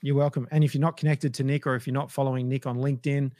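A man's voice: medium pitch, flat delivery, rapid-fire, dark tone, no room sound. A man hosting a casual business livestream. He rambles with many fillers and restarts, and his voice is starting to go. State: losing his voice. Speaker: livestream host.

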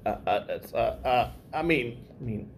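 A man's voice: medium pitch, expressive, moderate pace, a little hiss or hum. A man hosting a podcast interview, speaking with a heavy stutter, repeated sounds and many fillers. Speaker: podcast host. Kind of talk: conversational interview.

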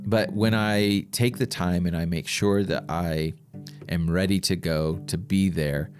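A man's voice: low voice, fairly even intonation, measured pace, faint music behind. An American man hosting a conversational podcast interview, phrasing his thoughts in a hesitant, thoughtful way. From rural Indiana, USA. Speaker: podcast host, communication professor.

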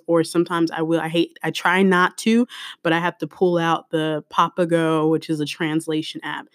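A podcast host who teaches at a public school in Korea tells a story from class in a casual, animated way. The speaker often acts out what was said in class. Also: medium pitch, dry recording, studio quality. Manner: animated, chatty, quotes herself in class. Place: room with a window open.

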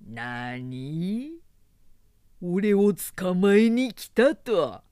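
A woman's voice: on the low side, big pitch swings, very slow, darkish tone, no room sound, clean studio sound, full character voice. A woman playing a brash drunken warrior man. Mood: mocking. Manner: blunt, swaggering, gruff. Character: drunken hot-tempered male warrior, bold and boastful.

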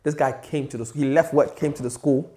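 A man's voice: on the high side, fairly even intonation, quick pace, mellow. A young man with a London accent chatting casually and animatedly in laddish street slang. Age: young adult. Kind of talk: casual chat.

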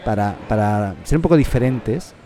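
Catalan guy hosting a podcast, mellow voice, rambly and jokey. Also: fairly low pitch, animated, normal speed. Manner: rambling, joking, with many restarts. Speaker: podcast host. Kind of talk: casual podcast conversation.

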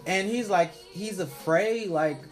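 A man's voice: high voice, slow, soft background music, poor audio. A man co-hosting a casual talk show, blunt and opinionated, swearing freely. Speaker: podcast co-host. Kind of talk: casual, profane opinionated chat.

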